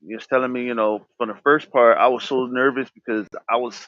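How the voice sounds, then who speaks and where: A podcast host speaks candidly about himself in a mid-range voice, brisk and fairly even in intonation. He stutters, often restarting his words. The recording is dry with no echo, and the sound is dull and lo-fi.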